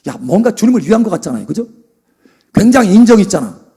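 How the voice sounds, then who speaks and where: Lively high-voiced preaching pastor, husky. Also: male voice, fast talker. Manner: animated preaching, acting out Bible scenes and asking the congregation "응?". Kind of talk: sermon.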